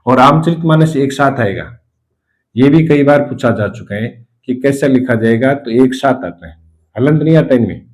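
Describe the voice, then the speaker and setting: A male Hindi lecturer giving a spelling lesson, explaining patiently and repeating each word slowly. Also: medium pitch, darkish tone. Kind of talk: classroom lesson on correct spelling.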